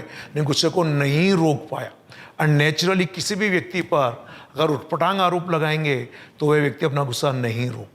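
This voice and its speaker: Male vocabulary teacher. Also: a little high. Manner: explains in Hindi, reads English example sentences slowly and carefully. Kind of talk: vocabulary lesson.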